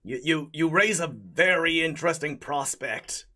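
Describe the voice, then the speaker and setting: A man's voice: on the high side, expressive, a little slow, bright, forceful tone, voice pushed up, full character voice. A man voicing a brash, swaggering spaghetti golem in a tabletop game, blustering like a slangy small-town mobster. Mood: wary bargaining. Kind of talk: tabletop role-play character voice.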